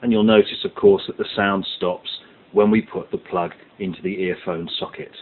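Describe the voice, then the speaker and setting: In a low-pitched, steady voice at normal speed, a man walks through a step-by-step science demonstration, stressing key words as he methodically explains each stage. The recording is muffled lo-fi audio with a hiss in the background.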